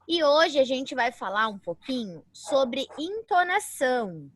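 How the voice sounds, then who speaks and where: A woman's voice: sits high, big pitch swings, measured pace, a bit bright, slight background noise. A woman teacher with a Brazilian accent leads an online class in a chatty way, often tagging her sentences with a questioning "né?". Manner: chatty, tags sentences with "né?", calls herself "a professora".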